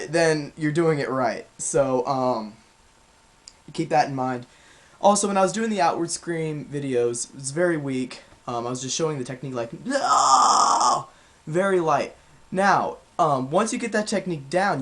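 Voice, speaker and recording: Young man casually teaching vocal technique. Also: a little high. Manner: relaxed, rambling, with fillers. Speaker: vocal coach. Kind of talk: casual video lesson.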